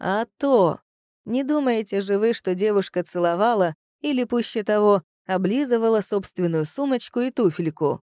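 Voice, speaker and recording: A woman voicing a blunt police colonel, sardonic, warm dark tone, dry audiobook sound. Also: mid-range voice, expressive, moderate pace, no room sound, close to an everyday voice. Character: gruff sarcastic male police colonel, middle-aged. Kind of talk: audiobook character voice.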